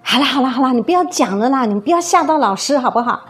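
A woman quoting a middle-aged father who brushes things off and hushes his daughter. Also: high-pitched, animated, fast, soft background music. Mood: placating. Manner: placating, dismissive.

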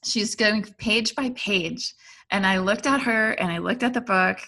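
A woman telling a personal spiritual story in a casual, animated way, rambling and full of "like" and "um". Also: mid-range voice, a little slow.

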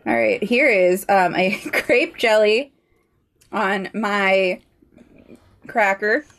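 A woman co-hosting a podcast chats casually while taste-testing food, reacting bluntly and grumbling as she chews. Her voice is medium in pitch and fairly bright, and she speaks extremely slowly.

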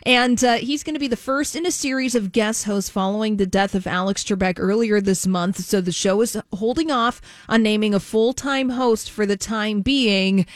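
A woman's voice: mid-range voice, moderate pace, hardly any pauses, no echo, studio quality. A woman hosting a radio show, reading entertainment news with chatty asides.

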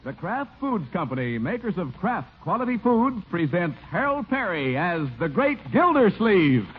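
Old radio announcer, man, high lively voice, polished sales delivery, tinny vintage broadcast. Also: normal speed, background noise. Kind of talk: old radio announcer, scripted show introduction and sponsor message. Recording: tinny vintage radio recording with faint music.

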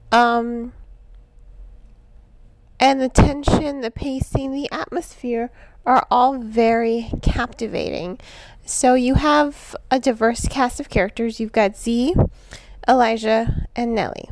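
Woman, 30s, book show host, chatty, enthusiastic, fairly high voice, dry close sound. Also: a little mellow, no room sound. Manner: chatty, enthusiastic, many fillers and restarts. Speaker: book reviewer, podcast host. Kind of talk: casual book review.

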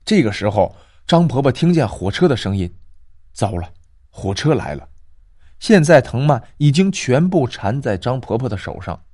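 A man narrating a ghost story in a lively, expressive storytelling voice with drawn-out pauses. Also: medium pitch.

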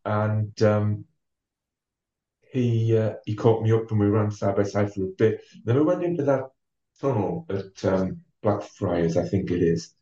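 Recorded from a distance, a low-voiced, mellow man from North East England spins a long, easygoing story. He's an interview guest and former marathon runner whose measured delivery is dotted with ums and restarts, and the off-mic sound is dull and roomy.

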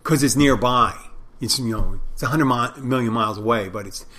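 A middle-aged podcast host from Philadelphia talks solo in a casual, meandering way, often putting himself down and letting thoughts trail off unfinished. His medium-pitched voice is bright and pushed, at a moderate pace, with a Philadelphia accent.

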